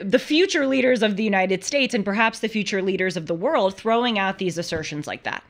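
A young woman in her twenties delivers opinion commentary as a talk show host. Her voice sits at an ordinary middle pitch, and she talks emphatically and argumentatively, often restarting phrases. It is recorded in a studio. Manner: emphatic, argumentative, with frequent restarts and brief laughs. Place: studio with purple lighting.

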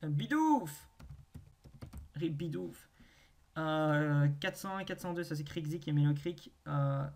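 A gaming video host thinking aloud through a naming quiz, hesitant with drawn-out pauses and wry self-mocking asides. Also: mid-range voice, fairly even intonation, gravelly, darkish tone.

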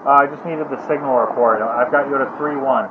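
A man's voice: medium pitch, steady tone. Man making ham radio calls, far and muffled. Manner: repeats call signs slowly, brisk and procedural. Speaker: amateur radio operator. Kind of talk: ham radio contact calls in phonetic call signs. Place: outdoors in a state park. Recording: muffled distant mic with loud noise.

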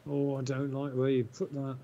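A man playing a golf video game, chatting easily with a friend and thinking out loud as he reads his putts. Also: mid-range voice, completely flat delivery, normal speed, slight background noise. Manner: easygoing, thinks aloud with restarts. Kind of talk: casual gaming chat. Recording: dull lo-fi mic.

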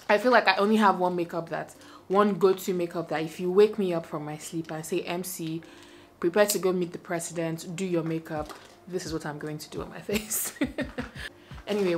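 A woman's voice: fairly low pitch, moderate pace, slight background noise. Chatty young woman vlogging. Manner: chatty and self-questioning, thinking aloud. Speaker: lifestyle vlogger. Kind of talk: casual chat to camera. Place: bedroom indoors. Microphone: camera close up.

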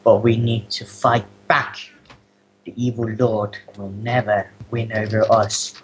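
A man role-playing a solemn time-traveller in a video game, with a slow, portentous, dramatic delivery. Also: lowish voice, level tone, slight background noise, low-quality recording. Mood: ominous, urgent. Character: solemn time-travelling future soldier warning of a dark lord.

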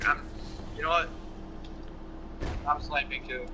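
A man's voice: a little high, steady tone, slow pace. A young man in casual gaming banter, ranting crudely and swearing over voice chat. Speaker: gamer in party chat. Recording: noisy game voice chat with background hum.

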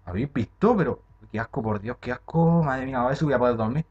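Young man, horror game reactor; jumpy, swearing, very lively pitch, dull home mic. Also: quick pace, slightly rough. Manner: jumpy and excitable, swearing, muttering to himself. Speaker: gaming channel host.

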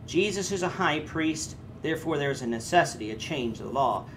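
A man in his thirties leads a Bible class with an earnest, explaining manner. His pitch swings widely as he talks, and he often stops and restarts. Faint ambient hum sits behind him. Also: a little fast. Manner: earnest, with lively rises in pitch and frequent hesitations. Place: indoors before a red curtain. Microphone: camera framed chest-up.

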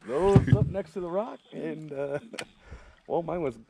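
A man's voice: on the high side, a little slow, gravelly, mellow. A man chatting and teasing his fishing partner while he fishes from a boat on a lake, filmed on an action camera. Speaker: fishing vlogger. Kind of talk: casual chat while fishing.

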